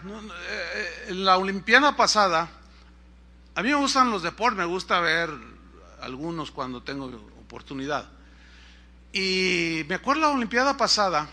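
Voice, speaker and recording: A man preaching a sermon, telling stories with animation and swinging between loud and quiet. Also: high voice. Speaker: pastor.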